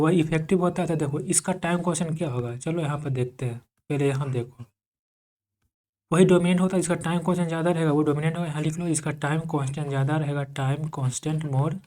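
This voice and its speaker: A man's voice: a little high, warm tone. A man teaching an electrical engineering class, asking the class questions and repeating key terms as he dictates notes. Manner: dictates slowly for note-taking.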